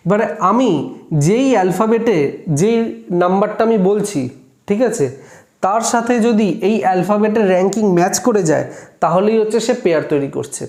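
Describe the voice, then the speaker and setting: A man whose voice sits high but has a darkish tone leads a lesson at the board, counting out each step aloud and verifying his work. The room around him is echoey.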